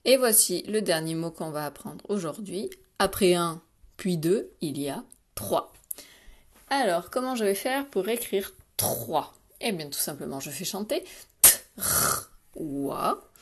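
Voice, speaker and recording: Patient woman teacher dictating slowly. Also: lowish voice, lively intonation. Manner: patient, addresses young pupils directly. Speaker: primary school teacher. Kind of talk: slow, clearly articulated classroom dictation.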